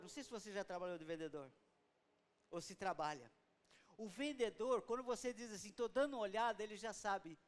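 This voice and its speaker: A man preaching a sermon, moving between quiet, close talk and fervent shouting. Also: high-pitched. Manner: swings from soft intimate talk to fervent shouting.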